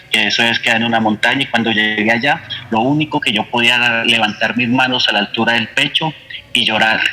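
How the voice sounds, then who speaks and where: A man with a Colombian accent tells his faith testimony in an earnest, storytelling way. His voice is strikingly bright and forceful, sitting at an ordinary middle pitch. He keeps voicing his own past thoughts as he goes. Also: low-quality recording. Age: adult, with a son. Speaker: church member giving testimony.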